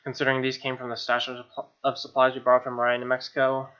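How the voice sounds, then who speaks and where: A man hosting a let's play stream chats casually, reads narration aloud, and mutters offhand asides over game music. His mid-range voice is bright, smooth and forceful, delivered fast and completely flat. The recording is lo-fi.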